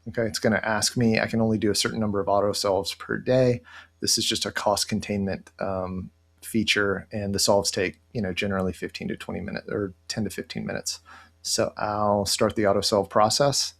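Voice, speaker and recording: A middle-aged man with a low, heavily fried voice presents a software tutorial over a screen share. He talks casually and haltingly, thinking aloud, with a fairly flat pitch range. The webcam screen recording is made in an indoor room.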